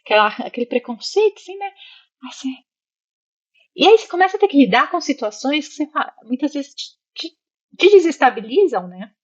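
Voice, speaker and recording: A Brazilian psychologist living in Italy talks casually and reflectively as an interview guest, slipping expressively into imagined remarks and checking that listeners are following. Her high voice swings widely in pitch at a fairly quick pace, and the audio has its highs cut off.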